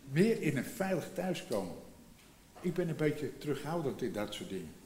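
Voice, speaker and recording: A man's voice: a little high, sing-song, moderate pace, darkish tone, echoey room, a little hiss or hum. A man in his seventies preaching a sermon in a reflective way, repeating phrases and rising for emphasis. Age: 70s.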